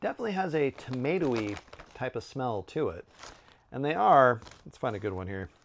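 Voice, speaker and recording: Middle-aged man, casual snack reviewer, lively intonation, conversational asides, slightly dull recording. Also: mid-range voice, normal speed, gravelly, a little hiss or hum. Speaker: snack review video host. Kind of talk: casual product review to camera. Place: indoor room with bookshelves.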